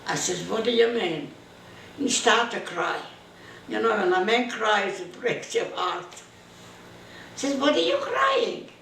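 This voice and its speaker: Elderly woman in her nineties, gravelly voice, slow halting speech, roomy room heard from a distance. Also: medium pitch, fairly bright tone. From Eastern Europe (now Belarus). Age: 90s. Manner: halting, repetitive, broken English, quotes her husband's words. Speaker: interviewee, grandmother recalling her life. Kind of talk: reminiscing storytelling in an interview. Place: home room in Montreal. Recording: roomy, distant camera mic, faint noise.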